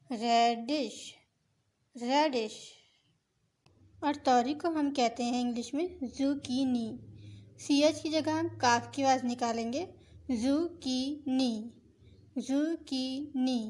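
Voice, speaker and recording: A woman teaching vocabulary, saying each word slowly and carefully and repeating it several times. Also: high-pitched, a little mellow. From Pakistan. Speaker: language teacher. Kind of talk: vocabulary lesson with repeated words.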